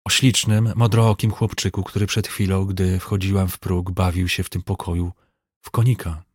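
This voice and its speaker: Tempting young nun, read by a man, soft, low, intimate, dry. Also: level tone, normal speed, husky, no echo. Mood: tender.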